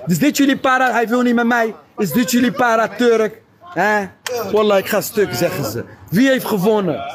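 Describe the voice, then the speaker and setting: A man with a high voice taunts a rival over a phone stream, mocking and provocative. He often breaks into chanted, half-sung jabs. The sound has the close, plain feel of a phone microphone. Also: moderate pace, crowd noise. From Netherlands. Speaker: TikTok live streamer. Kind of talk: taunting live-stream battle chat.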